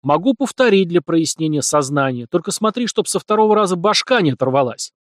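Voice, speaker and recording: A man's voice: a little high, lively intonation, a little fast, no echo, studio quality, voice pushed up, lightly acted. A man voicing an arrogant young male nobleman who talks in scornful, snapping retorts.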